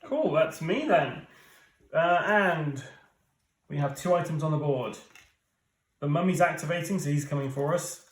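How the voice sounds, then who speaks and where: A British man in his thirties hosts a board game playthrough, his fairly high voice expressive and unhurried, with frequent pauses. He's chatty, explaining the rules and tossing in jokey asides. The room is echoey and the mic sits at a distance.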